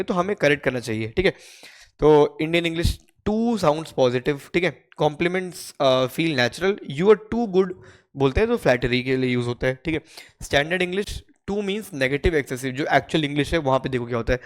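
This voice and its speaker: A man from India with an Indian accent, explaining English grammar to learners, often asking if they follow and reading examples slowly. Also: fairly high pitch. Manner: repeats "ठीक है?" to check understanding, reads English examples slowly. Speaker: English teacher.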